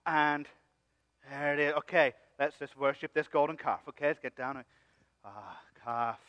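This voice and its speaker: A man's voice: on the high side, measured pace, lightly acted. A man playing Aaron as a cocky, joking leader who coaxes the crowd in a comic church skit. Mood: playful scheming. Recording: dull sound with long hall reverb.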